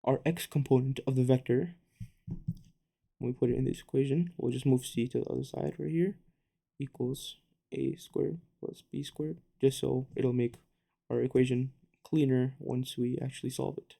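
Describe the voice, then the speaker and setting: Young man, physics tutor, casual whiteboard lesson, joking asides, flat steady delivery. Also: mid-range voice, normal speed, vocal fry. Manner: relaxed, joking asides, self-correcting.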